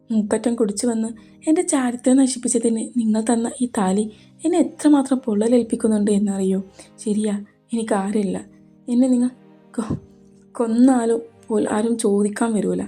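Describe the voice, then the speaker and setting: A woman's voice: fairly high pitch, mellow, breathy edge. A woman voicing a heartbroken young woman who pleads in tearful, questioning speech in a romantic audio story.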